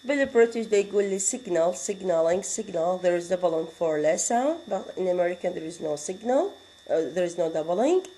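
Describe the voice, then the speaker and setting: A woman's voice: lowish voice, expressive, dark tone, slight background noise, rough recording. Arabic-accented woman teaching English grammar. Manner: explains slowly, repeating words and reading out examples; switches into Arabic to explain. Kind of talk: classroom lecture.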